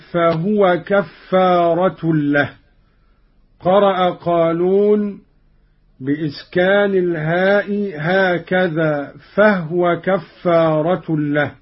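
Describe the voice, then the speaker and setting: A man giving a radio lesson on Quran recitation variants, explaining each point in a measured way and reciting examples, in an archival radio recording. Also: sits high, highs cut off.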